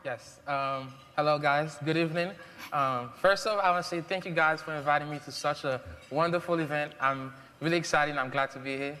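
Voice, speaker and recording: A young Haitian man, speaking as a mentee, gives an earnest prepared speech on a panel in a large event hall, peppered with many ums and uhs. His voice sits a little high and sounds sharp, with a steady tone and a fairly quick pace. Long hall reverb trails his words.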